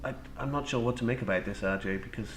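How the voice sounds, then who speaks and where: A man hosting a comedy radio improv, firing off playful, incredulous questions. His voice is mid-pitched and ordinary. The recording has a roomy echo and a faint hiss underneath. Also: fast.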